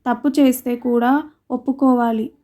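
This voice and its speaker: A woman's voice: a little high, steady tone, moderate pace, mellow, natural voice. A woman voicing a troubled young wife who speaks earnestly in a storybook reading.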